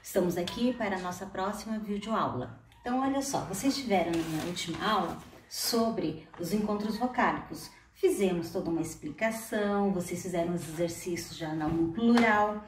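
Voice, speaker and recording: With a Brazilian Portuguese accent, a woman teacher gives a video lesson to schoolchildren, sounding out words by slowly stressing each syllable. Her pitch sits fairly low, and there's a little hiss or hum.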